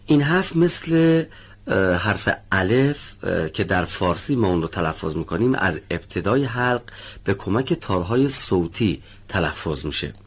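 Low husky male teacher. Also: animated. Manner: patient, careful, calls on students one by one. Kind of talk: televised pronunciation lesson. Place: studio.

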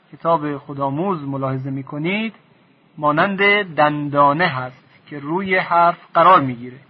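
A man teaching a recorded lesson on reading the Quran, speaking slowly and deliberately and stressing each sound in his examples. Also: fairly high pitch, husky, dull audio.

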